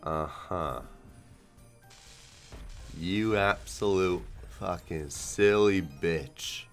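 A man giving profane live commentary on casino slot spins, muttering low to himself, then shouting when a win lands. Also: drawn-out words, faint music behind. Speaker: slot streamer.

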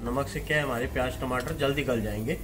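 A man's voice: mid-range voice, fast talker. Male chef, plain step-by-step cooking narration, kitchen, with music playing underneath.

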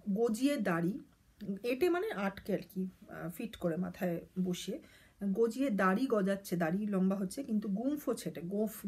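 A woman's voice: medium pitch, a little mellow, breathy edge. A woman vlogger reading a poem aloud and explaining it casually, with many hesitations and self-corrections.

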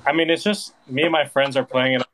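A man's voice: medium pitch, steady tone, quick pace, a bit bright, low-quality recording. A man in his twenties on a video call, chatting bluntly and casually in slang. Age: 20s. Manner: blunt, laid-back slang. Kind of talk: casual chat.

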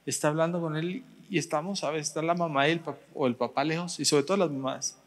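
A middle-aged man preaching a sermon in a church, swinging between loud emphatic calls and soft personal storytelling. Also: on the high side, fairly even intonation, fast talker, in a large hall. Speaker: pastor. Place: church sanctuary.

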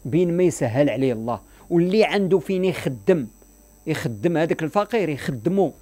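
A man's voice: on the high side, animated, fairly quick, dark tone. A man with a Moroccan accent in impassioned radio talk, emphatic and moralizing, repeating his points. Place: radio studio.

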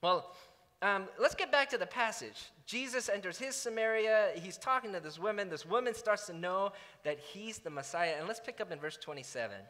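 High, lively man preaching in a hall. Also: moderate pace. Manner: animated, self-mocking storyteller who acts out his own quotes. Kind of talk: storytelling sermon.

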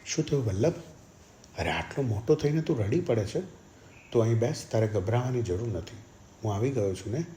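A male narrator voicing a steady, take-charge young man, the brother at the bedside, who calms others and then calls out loudly. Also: on the low side, brisk, roomy sound, slight background noise, lightly acted. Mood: reassuring. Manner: reassuring, then shouting in panic.

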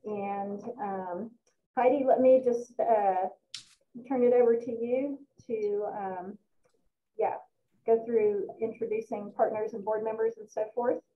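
A woman's voice: fairly high pitch, fairly even intonation, slow. Woman starting a zoom meeting, lots of ums, sounds muffled like through a wall, thin phone-ish audio. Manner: hesitant, many fillers. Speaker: meeting organizer. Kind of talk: opening an online meeting. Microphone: computer mic on a video call.

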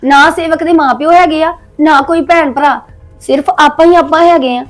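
A woman's voice: high-pitched, fairly even intonation, moderate pace, faint music behind, close to an everyday voice. A woman playing a wife in a family drama, speaking in an urgent, pleading way. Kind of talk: Punjabi family web drama acting.

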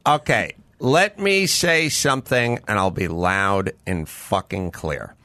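A man's voice: lowish voice, slow, pushed and bright. A man hosting a podcast, telling rambling stories in casual chat, profane and ranting. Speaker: podcast host.

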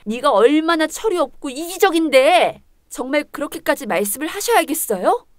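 A woman's voice: high voice, very animated, normal speed, no echo, clean studio sound. A woman voicing a pregnant young wife in a dramatized story reading, speaking in a restrained, firm and polite way.

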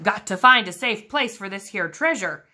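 A woman voicing a loud, bossy male pirate captain in a storybook read-aloud, with booming, commanding shouts. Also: animated, moderate pace. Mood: announcing.

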